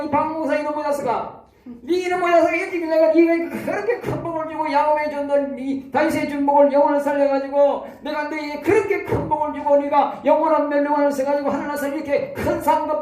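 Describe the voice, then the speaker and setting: A furious God rains down rebuke on a neglectful servant, played by a Gyeongsang-accented man. The voice rides high and loud with a mellow, dark tone. It echoes in a room, caught from some distance. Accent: Gyeongsang Korean. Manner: thundering rebuke, repeated insults. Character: angry God scolding a negligent pastor.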